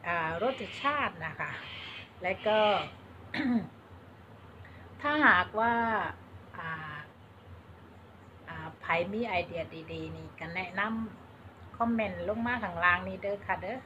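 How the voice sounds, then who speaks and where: Slow, halting woman with an Isan accent. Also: lowish voice, background noise. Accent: Isan Thai. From Isan, Buriram province, Thailand. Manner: slow and halting, with many fillers and Isan particles. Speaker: vlogger. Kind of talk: casual chat to camera. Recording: dull lo-fi sound with faint ambience.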